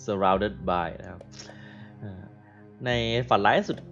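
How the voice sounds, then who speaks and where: A man from Thailand on a live game stream, reading dialogue slowly and deliberately, then translating it with polite particles. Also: deep voice, creaky, fairly bright tone. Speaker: gaming streamer. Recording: dull lo-fi stream audio. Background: game music.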